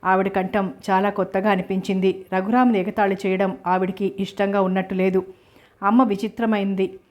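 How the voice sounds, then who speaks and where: Woman narrating a novel in an even tone. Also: medium pitch, a little fast. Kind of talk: first-person novel narration.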